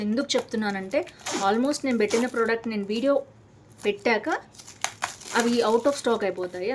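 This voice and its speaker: Fast-talking chatty Telugu woman vlogger. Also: mid-range voice, slight background noise. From Hyderabad, India. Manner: chatty, enthusiastic, mixes English words into Telugu. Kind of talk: casual product unboxing vlog.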